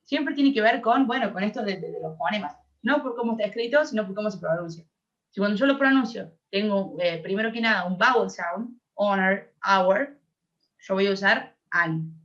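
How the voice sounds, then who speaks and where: Talking a little fast, a young Argentine woman with a mid-range, fairly bright voice teaches English grammar. She's a tutor who explains patiently and checks her students are following, recorded in dull lo-fi audio.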